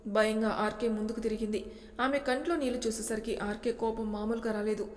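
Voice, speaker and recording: Give me a woman reading a story aloud, steady and expressive, with a long reverb. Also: a little high, fast. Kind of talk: scripted story narration.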